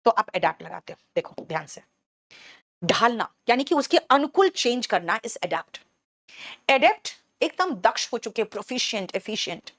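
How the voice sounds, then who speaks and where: Brisk, motherly woman teaching a live class. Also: on the high side, fairly bright tone, no echo, studio quality. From Bihar, India. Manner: brisk and motherly, calls students 'beta' and answers chat questions; explains English words in Hindi, switching between the two. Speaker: English teacher. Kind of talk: live online class lecture.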